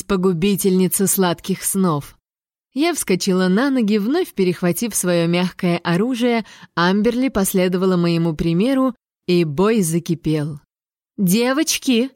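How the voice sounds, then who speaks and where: Brief: woman narrator, warm mellow tone, dry close sound, measured storytelling. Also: fairly low pitch, no echo. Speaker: audiobook narrator. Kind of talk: audiobook narration.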